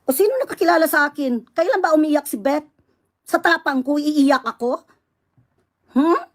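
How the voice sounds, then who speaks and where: Isang babaeng Bisaya na may punto ng Visayas, malakas at galit na nagra-rant sa livestream habang nagbebenta online, halo-halong Ingles ang salita. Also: female voice, high voice, expressive, moderate pace. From Visayas, Philippines. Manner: loud indignant ranting, mixing English in.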